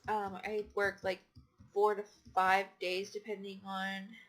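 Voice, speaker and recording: A woman's voice: medium pitch, level tone, slow, a bit bright. A tired woman casually commenting on her game play, rambling with many fillers and restarts. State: tired, yawning. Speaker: gaming channel host.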